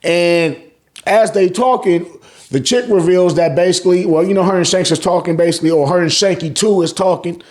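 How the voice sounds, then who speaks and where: An American man hosts a manga review show, recapping a chapter in casual, slangy commentary where he swears freely and repeats phrases for emphasis. His high-pitched voice is darkish in tone and a little fast.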